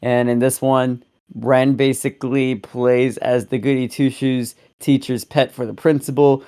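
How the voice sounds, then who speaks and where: A man's voice: mid-range voice, flat delivery, a little slow, warm tone, clear, resonant tone. Rambling young man co-hosting a review podcast. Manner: rambling, self-correcting, chuckles often. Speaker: podcast co-host. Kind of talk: casual review chat.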